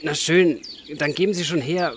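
A man's voice: fairly high pitch, normal speed, a bit bright, a little hiss or hum, natural voice. A man playing a desperate, flustered everyman who stammers while hunting for beer.

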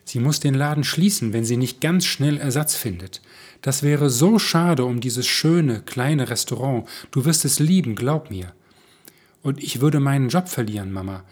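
A man's voice: mid-range voice, expressive, moderate pace, slightly rough. A man reading the part of a grown daughter who urgently pleads with her mother. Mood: pleading. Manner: urgent, persuasive.

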